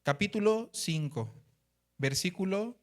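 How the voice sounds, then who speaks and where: A man's voice: high voice, slow. A man with a Mexican Spanish accent preaching a sermon as pastor, telling stories with acted-out dialogue and asking his congregation for agreement. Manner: animated storytelling, acts out quoted dialogue.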